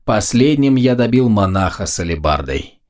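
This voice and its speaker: A man narrating a fantasy audiobook in the first person, in a steady, measured storytelling manner. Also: lowish voice.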